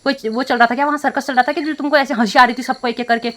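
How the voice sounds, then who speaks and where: A woman's voice: high voice, fairly even intonation, racing, fairly bright tone. A young woman vlogger talking to her phone camera in a casual, upset way, rambling with many fillers and restarts. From India. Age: young adult. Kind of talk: casual emotional vlog talk to camera.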